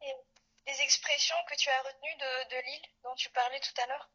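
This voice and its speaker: A woman interviewer asking casual questions, hesitating and pausing as she phrases them. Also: sits high, flat delivery, pushed and bright, highs cut off.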